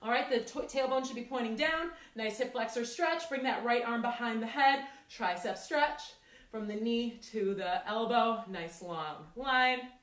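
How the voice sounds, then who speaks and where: A woman's voice: on the high side, unhurried, a bit bright. A woman fitness instructor leading a workout class, out of breath, encouraging the class and counting down reps. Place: fitness studio. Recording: echoey room, mic at a distance.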